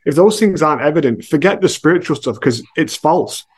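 A man's voice: fairly high pitch, animated, brisk, a little mellow, slightly rough. A man talking as a guest on a podcast, blunt and emphatic, with a slangy casual manner and lots of "like" and "you know". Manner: frequent filler "like" and "you know".

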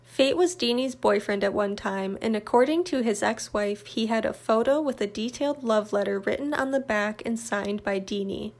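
A woman narrating a true crime update in an even, matter-of-fact scripted read. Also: mid-range voice, normal speed, hardly any pauses.

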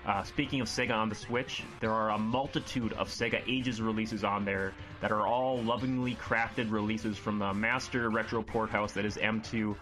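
A man's voice: lowish voice, steady tone, moderate pace, hardly any pauses, a bit bright, faint music behind. A man presenting a scripted retro games segment, enthusiastic and full of fillers, saying he is losing his voice. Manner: enthusiastic, list-heavy delivery with many fillers.

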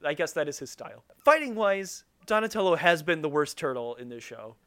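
A man with a high voice talks through a cartoon episode in casual podcast chat. He sounds wry and a little rambling, and laughs often. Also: animated, a little fast, a bit bright, clean tone. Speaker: podcast co-host recapping a cartoon.

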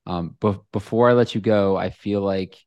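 Deep gravelly male podcast host. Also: steady tone, moderate pace, darkish tone, dry recording, dull audio. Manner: appreciative, with some stammered restarts. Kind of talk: podcast interview.

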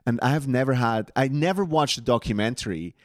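Man co-hosting a podcast, animated storyteller, swears freely, mid-pitched, dry close sound. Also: fairly quick, no echo. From Switzerland. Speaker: podcast co-host. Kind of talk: casual chat.

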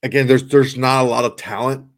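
A man's voice: mid-range voice, flat delivery, fairly quick. A man co-hosting a podcast, talking sports in a rambling, casual way with lots of restarts and the odd curse word. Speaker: podcast co-host.

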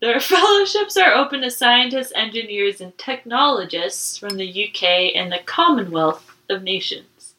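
Giggly podcast lady reading trivia, kinda high bright voice, hint. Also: lively intonation, moderate pace, far from the mic, slight background noise, rough recording. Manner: giggly, reads trivia aloud. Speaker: podcast co-host. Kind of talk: casual chat.

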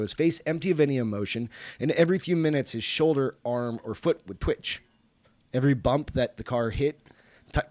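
A man's voice: medium pitch, a little mellow, no room sound. A man, host of a podcast, reading a story aloud in a casual way, often stopping to correct himself.

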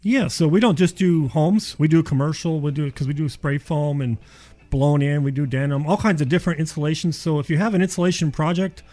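Quick, mellow man explaining casually. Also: fairly high pitch, fairly even intonation. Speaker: insulation contractor, show guest. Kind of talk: casual explanatory radio interview.

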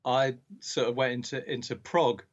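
Halting home counties Englishman in his sixties, muffled. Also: mid-range voice, flat delivery. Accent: southern English, home counties. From born in Scotland, grew up in Berkshire, England. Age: 60s. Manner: halting, repeats words as he starts sentences. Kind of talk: casual chat, reminiscing. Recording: dull, muffled lo-fi sound.

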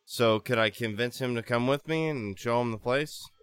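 A man's voice: medium pitch, moderate pace, fairly bright tone, clear, resonant tone, no room sound, clean studio sound. A man playing his character in a tabletop game podcast, rambling and hesitant in a comic way. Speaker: player.

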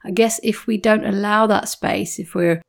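A woman's voice: mid-range voice, fairly even intonation, normal speed, creaky. A woman hosting a podcast interview, speaking reflectively and thoughtfully. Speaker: podcast host.

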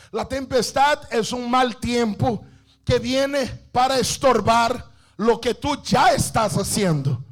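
A male preacher with a very high-pitched voice delivers a fervent sermon. He speaks slowly and deliberately, building to shouted declarations and calls for the congregation to respond.

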